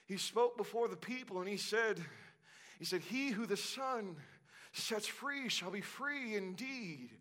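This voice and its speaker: A man preaching a sermon, building to shouted declarations and dropping to hushed, slow lines. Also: extremely high pitch.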